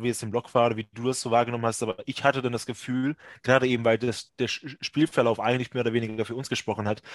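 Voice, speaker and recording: A man's voice: mid-range voice, dry recording, clean studio sound. A man hosting a football podcast, casually talking through a match and thinking aloud as he goes. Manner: analytical, thinks aloud with restarts.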